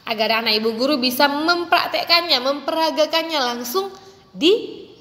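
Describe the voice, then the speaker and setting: Bright-voiced woman teacher, echoing. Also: expressive, moderate pace. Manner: gentle, coaxing, calls pupils dear; acts out children's rude and polite requests in a high voice. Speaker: primary school teacher. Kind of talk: online lesson for young children.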